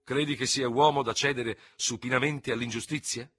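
A man voicing a small, hot-tempered Gascon hussar lieutenant who shouts and hisses in fury. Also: mid-range voice, animated, a little fast, breathy edge, voice pushed up. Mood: angry. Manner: shouting, hissing, ranting. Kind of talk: audiobook character reading.

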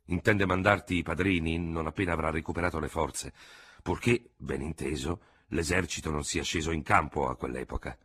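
A man doing a calm grey-haired army surgeon. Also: a bass voice, breathy edge, full character voice. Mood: measured. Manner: measured, level-headed advice.

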